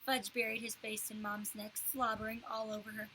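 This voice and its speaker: Bright-voiced woman reading aloud to kids. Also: medium pitch, little pitch movement, normal speed, slight background noise, rough recording. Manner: clear, explaining, storytelling. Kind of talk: children's read-aloud.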